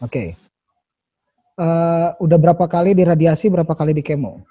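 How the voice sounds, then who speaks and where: Brief: man hosting, husky higher voice, dark and muffled sound, emphatic and animated. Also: normal speed. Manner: animated, probing questions, emphatic repetition. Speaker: host.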